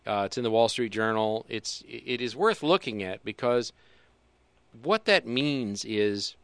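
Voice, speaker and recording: Bright, crisp-voiced man chatting about finance. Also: mid-range voice, lively intonation, measured pace, no echo. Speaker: co-host. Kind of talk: casual financial talk show chat.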